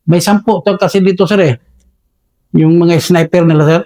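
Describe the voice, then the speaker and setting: Filipino man, soldier recounting combat, high mellow voice, respectful, sir after every phrase. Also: steady tone, moderate pace. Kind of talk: interview storytelling.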